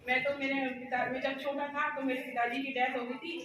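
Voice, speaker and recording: A woman's voice: high-pitched, level tone, a little fast, close to an everyday voice. A woman voicing a humble, poor village boatman with a meek, plain way of talking, in a story told in an echoey room. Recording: echoey room from far off, noisy.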